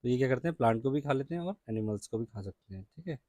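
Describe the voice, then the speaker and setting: Indian teacher explaining, close and dry. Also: male voice, mid-range voice, lively intonation, darkish tone, dry recording. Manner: reads English lines slowly, then explains in Hindi with frequent "ठीक है?". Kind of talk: explaining a science chapter to children.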